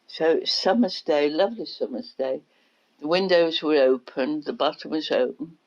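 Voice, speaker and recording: An older woman, reminiscing in an oral history interview as an unhurried storyteller. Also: deep voice, a little mellow. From England. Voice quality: unhurried storyteller, acts out quotes. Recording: dull lo-fi recording.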